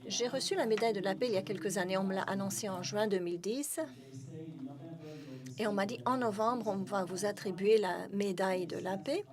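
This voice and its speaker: A woman's voice: mid-range voice, steady tone, fairly quick. Woman interpreting live over crowd noise. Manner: frequent hesitations and self-corrections. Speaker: simultaneous interpreter.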